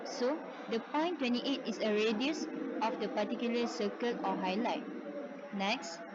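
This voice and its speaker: A young woman explains a student project as a presenter. Her voice is slightly high, and the recording is muffled with very loud noise. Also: measured pace. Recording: dull, very noisy recording.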